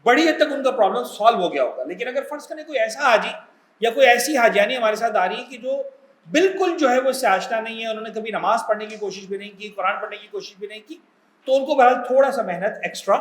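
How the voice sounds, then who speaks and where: A man's voice: high-pitched, expressive, roomy sound. A man, a cleric, teaching a pilgrimage class in a conversational lecture style, mixing in English words and asking the audience questions.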